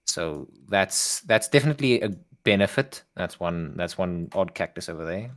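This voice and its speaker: A man's voice: sits low, expressive, normal speed. A man playing along in a casual streamed tabletop game, laid-back and agreeable, stammering at times. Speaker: game player.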